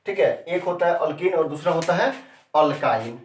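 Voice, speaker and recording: During a classroom chemistry lesson, a male teacher with a fairly high, expressive voice speaks at a moderate pace, reiterating key terms and peppering students with questions. The mic is distant and the room echoes.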